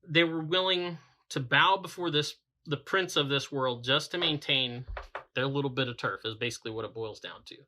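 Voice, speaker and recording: A man reading scripture aloud and talking through it in a relaxed, conversational way, often restarting and correcting himself. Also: mid-range voice, normal speed. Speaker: campus minister. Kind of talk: informal Bible reading and commentary.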